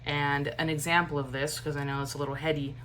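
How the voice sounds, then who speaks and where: A woman instructor giving a recorded class lecture in a steady cadence, with animated emphasis and informal asides. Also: low voice, fast talker, slight background noise, poor audio.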